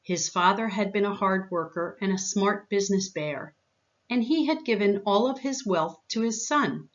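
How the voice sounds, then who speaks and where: A woman's voice: mid-range voice, normal speed, lo-fi sound. A woman reading a children's storybook aloud as narrator. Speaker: story reader.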